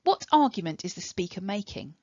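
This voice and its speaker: A woman with an English accent teaching a recorded online lesson, giving clear step-by-step instructions. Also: mid-range voice, big pitch swings, brisk, mellow, no room sound, lo-fi sound.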